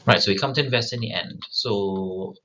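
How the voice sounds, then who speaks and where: Man, lecture, lowish pitch, forceful bright tone, tag questions, restarts. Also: moderate pace. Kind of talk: recorded lecture. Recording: dull lo-fi lecture recording.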